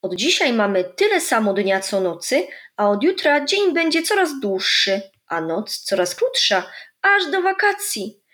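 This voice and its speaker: A woman voicing a kind, patient old grandfather in a children's storybook, speaking in a gentle, coaxing, explaining way. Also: on the high side, big pitch swings, unhurried, voice pushed up.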